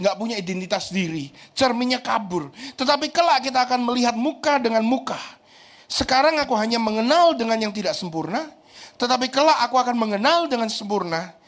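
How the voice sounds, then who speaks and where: A man's voice: very high voice, fairly bright tone. Joking middle-aged male pastor preaching. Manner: chatty and joking, often asks "right?", mixes in English. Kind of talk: sermon.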